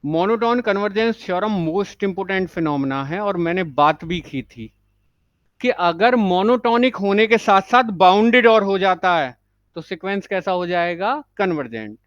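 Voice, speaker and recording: A man teaching maths in a classroom lecture, asking the class short check questions and reading English terms out slowly. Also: high-pitched, fairly bright tone, smooth, no room sound, muffled recording.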